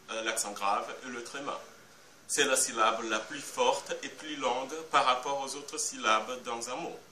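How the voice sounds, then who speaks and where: Slow man teaching French phonetics. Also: mid-range voice, pushed and bright, slight background noise. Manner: slow, careful explanation with spelled-out syllables. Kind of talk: phonetics lesson. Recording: echoey room, a bit far from the mic.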